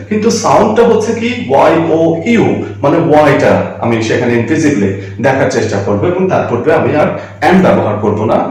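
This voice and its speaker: A man's voice: mid-range voice, darkish tone, far from the mic. Male grammar teacher in a very echoey room. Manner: explains slowly, repeats words, asks questions and answers them. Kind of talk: classroom grammar lesson. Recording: very echoey room, voice away from the mic.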